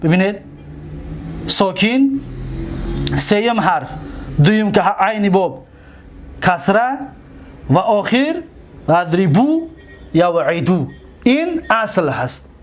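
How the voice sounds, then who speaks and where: Tajik-accented man teaching, high voice. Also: big pitch swings, a little hiss or hum. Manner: drills forms slowly, asks and answers his own questions. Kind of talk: classroom lecture, explaining grammar.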